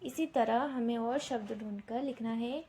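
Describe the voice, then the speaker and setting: A woman teacher, slowly dictating answers word by word to young schoolchildren, repeating each question. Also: on the high side, mellow, husky. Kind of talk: slow dictated Hindi lesson for young children.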